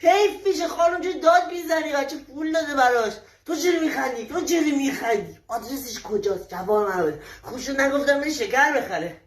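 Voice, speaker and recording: A woman doing a blustering, scheming father, loud scolding bursts, high voice, echoey room. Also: few pauses, close to an everyday voice. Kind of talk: comedy sketch acting.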